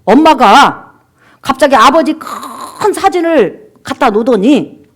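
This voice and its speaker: Woman pastor preaching, high voice, keeps asking the church for amens and throwing questions at them. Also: lively intonation, slow, slightly rough. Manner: exhorting, calls for amens, rhetorical questions to the congregation; acts out quoted people in her stories. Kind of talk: sermon with testimony.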